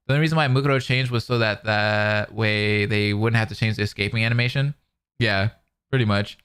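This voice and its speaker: Reading narration from a fan-dubbed visual novel and reacting as he goes, this male streamer sounds clear and resonant, with a medium pitch and fairly bright tone. His commentary is casual, full of slang, and enthusiastic, set against background music.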